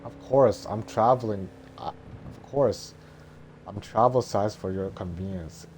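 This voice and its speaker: Boastful little male dragon guardian read by a man, lowish voice, bossy and blustering, cartoon sidekick, noisy recording. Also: moderate pace, darkish tone, close to an everyday voice. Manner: blustering, stumbling script reading. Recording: noticeable background noise.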